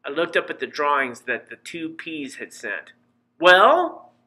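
A man giving scripted first-person narration of an audiobook in a plain, measured storytelling manner. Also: on the high side, sharp tone.

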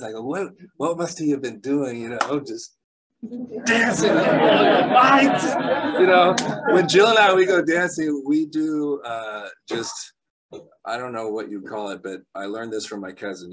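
A man preaching a sermon, telling stories with bursts of excitement, laughter and quieter asides. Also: mid-range voice, low-quality recording. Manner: animated storyteller, laughs often, jumps between loud excitement and quiet asides.

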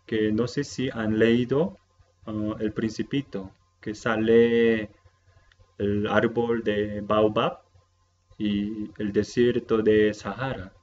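A man who speaks Korean natively, giving a language lesson and walking slowly and patiently through words, repeating each one and checking that listeners follow. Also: level tone, a little mellow. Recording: dull low-fi audio with faint hum.

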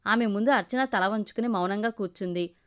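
A woman storyteller reading a family story aloud in an even, measured way. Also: mid-range voice, clean tone.

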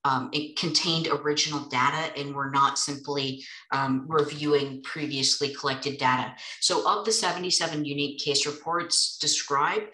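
Nurse lady cohosting a webinar, bright upbeat voice, roomy echo. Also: low voice, steady tone, moderate pace, hardly any pauses. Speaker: nurse co-host. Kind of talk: webinar explanation.

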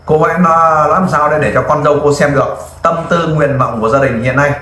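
A man's voice: fairly high pitch, steady tone, fairly quick, sharp tone, echoey room, a little hiss or hum. A man in the field interviewing a family, asking direct, coaxing questions. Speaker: volunteer interviewer.

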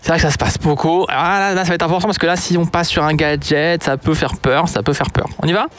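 A man's voice: fairly high pitch, fairly even intonation, fast, fairly bright tone, a little hiss or hum. A French man, a gaming YouTuber, commenting animatedly on opening loot boxes with mock outrage and exclamations.

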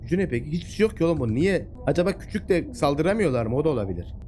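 A man giving casual, excitable let's-play commentary, chatting away and talking to the animals in the game. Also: on the high side, very fast, slight background noise. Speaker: gameplay commentator.

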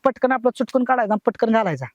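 A man's voice: very high voice, lively intonation, racing, no room sound. A man playing a cheeky, boastful brother-in-law who pesters in a comedy sketch.

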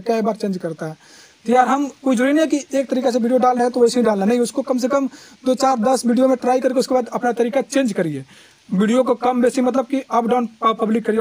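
Fast-talking high-voiced man teaching. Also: darkish tone, no room sound. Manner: chatty, repeats fillers, frequent restarts. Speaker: YouTube tutorial host. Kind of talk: casual screen-recorded tutorial. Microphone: lapel mic.

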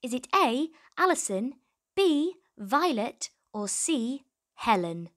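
A woman in her twenties hosts a children's storytime, reading aloud and speaking directly to young viewers with encouragement. Her voice sits high and is very animated, though she keeps a slow pace.

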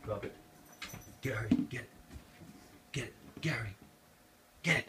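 A man's voice: mid-range voice, moderate pace. A man filming his pets and talking to his dog in coaxing, teasing baby talk. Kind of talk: casual running commentary to pets. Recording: noisy home video recording.

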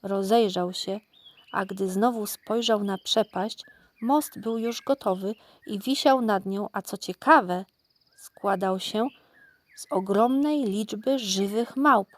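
Woman narrator, children's audiobook, calm, clear, even storytelling. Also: mid-range voice, takes it slowly.

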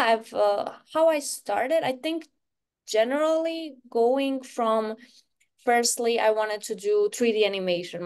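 A young woman from Croatia, speaking English as a second language, chatting in a relaxed video-call interview, with many fillers and easy laughs. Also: mid-range voice, clean tone. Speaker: interview guest, UX UI designer. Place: bright room at home, indoors. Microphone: webcam on a video call.

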